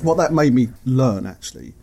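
A man from Essex with an Essex accent, chatting casually and self-deprecatingly as a podcast guest, telling stories in an animated way. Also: medium pitch, moderate pace, gravelly, husky, soft background music. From Essex, England.

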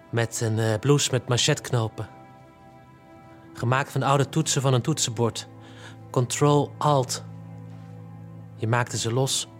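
A man's voice: medium pitch, lightly acted. A man playing remorseful lovesick young man. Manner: pleading, confessional. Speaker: main character. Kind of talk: audio drama acting.

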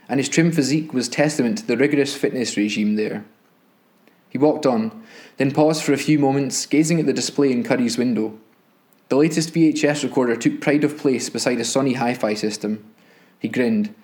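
A man, a podcast host, reading a crime novel aloud in steady, measured audiobook-style narration. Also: medium pitch.

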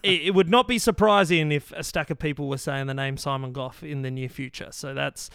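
A man co-hosts a faith podcast, earnest and encouraging, stumbling over the first words of his sentences. His fairly high voice has a gravelly edge yet sounds smooth and full. The recording is dry and close. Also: steady tone, a little fast, a bit bright, dry recording. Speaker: podcast co-host. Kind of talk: casual faith podcast chat.

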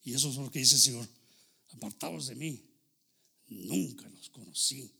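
A man preaching a sermon as pastor, swinging between loud exclamations and low asides. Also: moderate pace, creaky, husky.

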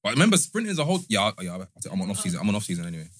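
A man's voice: fairly low pitch, sing-song, rapid-fire. A young man with a London roadman accent, speaking as a podcast guest in slangy, insistent banter, often repeating his phrases. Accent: London roadman, multicultural London slang. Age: young adult. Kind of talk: casual banter and debate.

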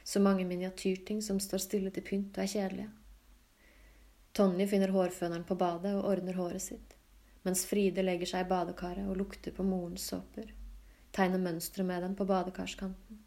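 A woman reading literary fiction aloud in a calm, even, low-key way. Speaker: audiobook reader. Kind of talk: scripted literary narration.

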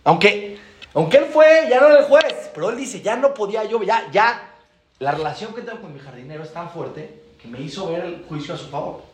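Rabbi, animated storyteller, high and swooping voice, acts out dialogue. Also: male voice, brisk, echoey room, a little hiss or hum. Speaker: rabbi teaching a class. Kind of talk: storytelling lesson.

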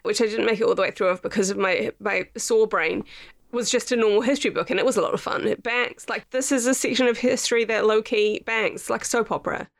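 A woman co-hosting a history podcast who is stuffed up with a cold, chatting in an animated way with casual slang and frequent laughs. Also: mid-range voice, fast talker, gravelly. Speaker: podcast co-host. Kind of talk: casual chat.

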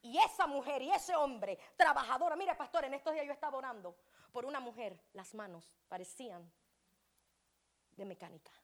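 A woman preaching a fervent sermon at a church service. She swings from shouting to hushed pleading and breaks into speaking in tongues. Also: high-pitched, expressive, a little fast. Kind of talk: Pentecostal sermon.

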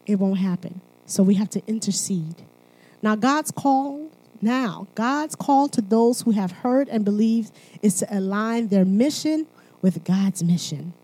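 In a low-quality recording, a Haitian woman speaks at church with a medium-pitched, mellow voice. She blends sermon with personal testimony, talking conversationally and emphatically while often checking in with her listeners.

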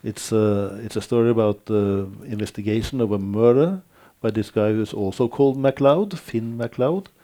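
A man's voice: on the low side, normal speed, few pauses, mellow. A man interviewing an author, asking hesitant questions and adding frequent short agreements.

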